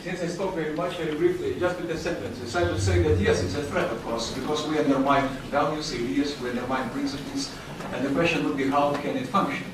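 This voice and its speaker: A man's voice: a little high, brisk, few pauses. A man with a Central European accent speaking emphatically and formally as a panelist in a public discussion. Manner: emphatic, rhetorical, formal phrasing. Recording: very echoey room, distant mic, faint noise.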